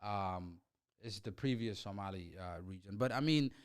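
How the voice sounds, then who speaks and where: A man's voice: lowish voice, moderate pace, smooth. A man in his twenties from Ethiopia, co-hosting a podcast in a laid-back way and often adding "you know what I mean.". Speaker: podcast co-host. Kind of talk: casual chat.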